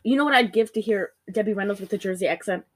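A woman's voice: medium pitch, fast, slight background noise. Chatty woman dishing on a movie. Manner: animated, gossipy, many fillers. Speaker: podcast co-host. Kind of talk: casual movie review chat.

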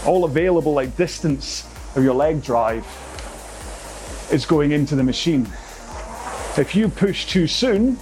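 A man leads an indoor rowing session, explaining stroke rates and timing at length. He talks in a friendly, rambling way and laughs at his own long explanations. Soft music plays faintly underneath. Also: on the high side. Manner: chatty, rambling, self-aware explanations. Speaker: rowing coach. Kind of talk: workout instruction.

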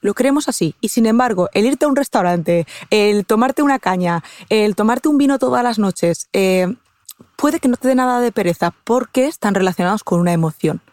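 A woman with a Spanish accent from Castilla-La Mancha, speaking as an interview guest. She explains at mid pitch, patient and methodical, with frequent hesitations and self-corrections. The recording is close and dry. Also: lively intonation, normal speed, darkish tone, dry recording. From Castilla-La Mancha, Spain. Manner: explanatory, frequent "eh" fillers and restarts, addresses host directly. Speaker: guest expert on habits. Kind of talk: conversational interview.

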